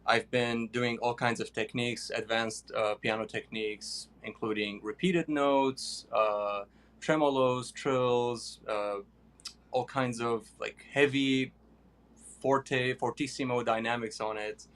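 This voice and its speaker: A young man from Iraq, a pianist guest, answering interview questions with many pauses and fillers. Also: medium pitch, fairly even intonation, fairly bright tone.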